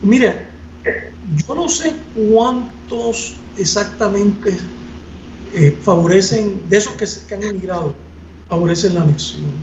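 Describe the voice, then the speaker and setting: A man, answering questions in an academic seminar in a measured, thoughtful way with frequent hesitations. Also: sits high, darkish tone. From Puerto Rico. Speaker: guest lecturer. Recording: distant roomy muffled recording with faint noise.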